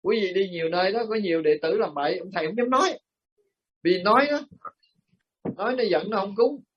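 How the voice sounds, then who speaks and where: A man's voice: high voice, fairly quick, a little hiss or hum. A Buddhist monk with a Southern Vietnamese accent, giving a sermon as folksy storytelling with frequent chuckles, speaking directly to his listeners. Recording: muffled lo-fi recording.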